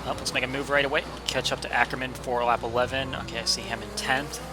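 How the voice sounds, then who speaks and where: A man hosting a casual let's-play, chatty and joking as he reacts out loud. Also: mid-range voice, steady tone, fast talker, background noise. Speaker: gaming video host.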